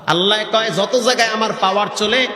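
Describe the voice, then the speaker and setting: A man's voice: high voice, fairly even intonation, fast. A man preaching a sermon who breaks into sung chanting and asks the crowd questions in folksy asides. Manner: swings between sung chanting and rustic conversational asides. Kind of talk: Bengali waz sermon with sung recitation. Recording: echoey hall with long reverb.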